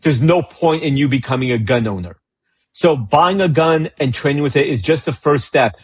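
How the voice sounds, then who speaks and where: A man speaks as a podcast guest, his voice a bit husky in a dry, close recording. He tells stories in an easy conversational way, often acting out what others said and restarting his sentences. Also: on the high side, moderate pace, no room sound. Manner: storytelling, acts out dialogue with frequent restarts. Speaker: guest, gun rights advocate. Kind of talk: casual podcast chat.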